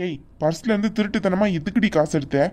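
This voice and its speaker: A woman's voice: fairly low pitch, fast, dark tone, lightly acted. A woman voicing a hot-tempered young brother. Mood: angry. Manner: scolding, indignant. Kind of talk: animated cartoon voice acting.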